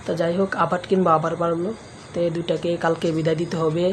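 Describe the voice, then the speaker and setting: A man talks quietly to his phone camera in a cowshed at night, keeping his voice hushed for a casual vlog. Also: fairly high pitch, little pitch movement, fast talker. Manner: speaking softly and hushed. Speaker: village lifestyle vlogger. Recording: noisy background.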